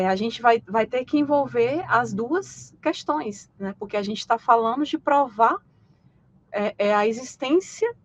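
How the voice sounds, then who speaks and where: A woman's voice: fairly high pitch, highs cut off. A Brazilian woman hosting a live stream, explaining her points with frequent hesitations and restarts. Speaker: host.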